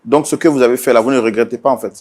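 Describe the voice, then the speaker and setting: A man with a voice of middling pitch hosts a mediation in a formal register. He puts pointed questions to a husband and steadily tries to calm a shouting woman. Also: racing. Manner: probing, formal, calming. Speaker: mediator host. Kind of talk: questioning mediation talk show.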